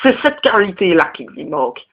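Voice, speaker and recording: A young man with a Belgian French accent playing a crude, rambling male teacher in a comedy sketch, lurching into high, indignant outbursts. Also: very animated, a little fast, muffled recording, full character voice. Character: crude, touchy male teacher, single, lives with parents. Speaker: teacher at a parents' meeting.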